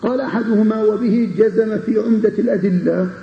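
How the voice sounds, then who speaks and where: A man teaching a classical legal text to students, pausing often to check that they follow. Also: high voice, steady tone, creaky, slight background noise. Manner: explains with repeated checking questions to students. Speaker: Islamic scholar teaching a text. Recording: dull lo-fi recording in an echoey room.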